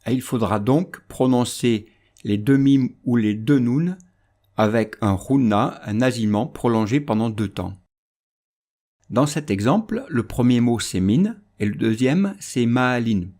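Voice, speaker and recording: A man teaching Quran recitation rules in a calm, measured instructional voice-over. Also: medium pitch.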